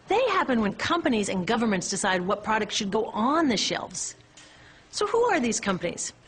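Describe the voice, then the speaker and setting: A woman with an American accent and a mid-range, fairly bright voice narrates a scripted explainer. Her delivery is conversational and wry, often built on rhetorical questions, with slight background noise.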